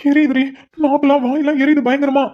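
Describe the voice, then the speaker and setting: A woman's voice: high voice, little pitch movement, fast, natural voice. A woman voicing a young businessman husband in a cartoon, polite on calls and wailing when hurt. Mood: pained. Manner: pleading, wailing in pain. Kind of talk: cartoon voice acting. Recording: dull lo-fi sound.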